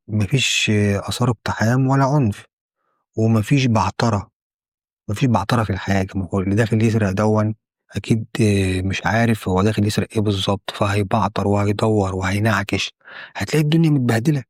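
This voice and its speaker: A man's voice: lowish voice, a little mellow, no echo, studio quality. A man with an Egyptian Arabic accent telling a true crime story in a conversational way, often repeating and restarting his phrases.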